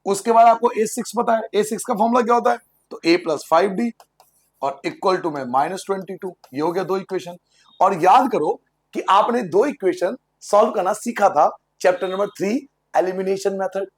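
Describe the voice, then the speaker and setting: A man with a high voice teaches a class a maths lesson at normal speed, talking through each step out loud. He asks questions and answers them himself in a repetitive, sing-song way, keeping things playful and joking with the students now and then.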